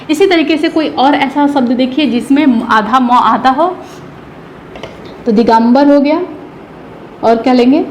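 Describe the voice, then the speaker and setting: In an exam-prep grammar class, a woman with a high, slightly mellow voice keeps asking questions and answering them on her own, saying each key term more than once. There's a lot of echo in the room and a faint noise beneath her voice.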